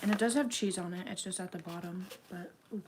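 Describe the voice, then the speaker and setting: A young woman hosting a casual livestream eating show, chatting in a rambling way with many fillers and dropping into soft whispers now and then. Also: fairly low pitch, quick pace, slight background noise. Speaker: livestream host.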